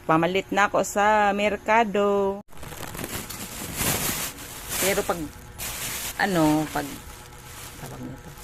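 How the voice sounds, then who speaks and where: A talkative woman from the Philippines chats through a casual home vlog in her kitchen. She rambles easily and keeps pausing to search for the right word. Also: on the low side, noisy background. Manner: chatty, rambling, searches for words with "ano". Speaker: home vlogger and mother.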